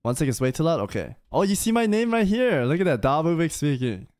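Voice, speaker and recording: A fast-talking young man with a slightly high voice streams a game and teases his group in casual voice chat. He's at home, close to a studio mic on a boom arm, with no room sound at all. His manner is animated, jumpy and full of playful teasing.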